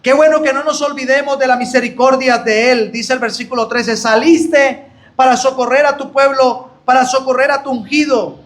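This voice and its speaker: Colombian guy preaching a bible study, really high voice, fired up and calling out to the brothers. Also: fairly even intonation, normal speed, a bit bright. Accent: Colombian Spanish. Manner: fervent preaching, rising on exclamations, addressing "hermanos".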